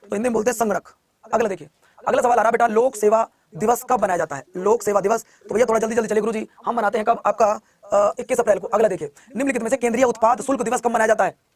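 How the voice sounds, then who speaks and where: A man with a strikingly high voice teaches a live online exam class at a breakneck clip. He rattles off each question several times and keeps coaxing his students to answer quickly. His carries a flavor. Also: fairly even intonation. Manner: rapid, repeats questions, coaxes students to answer.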